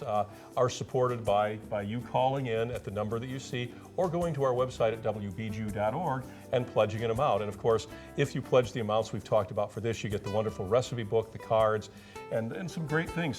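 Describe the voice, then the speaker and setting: A man's voice: on the low side, a little mellow. A man hosting a public television pledge break, genial and self-deprecating. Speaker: pledge drive host. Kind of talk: fundraising talk. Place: TV studio kitchen set.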